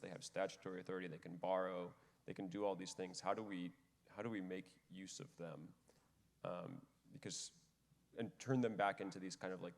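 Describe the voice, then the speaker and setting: Deep gravelly-voiced man on a panel. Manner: casual, fillers, trailing off quietly. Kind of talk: panel discussion.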